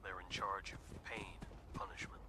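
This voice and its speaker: An actor voicing a grim male survivor in a video game who speaks gravely of fanatics. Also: low voice, level tone, moderate pace, pushed and bright, whispered. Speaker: game character.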